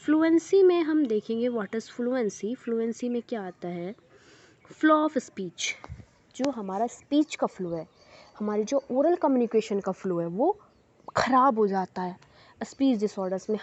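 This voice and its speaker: Higher-voiced woman explaining notes, lo-fi sound. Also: animated, darkish tone. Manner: reads English points slowly, then explains them in Hindi, often saying ठीक है. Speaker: teacher. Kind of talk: explanatory lecture.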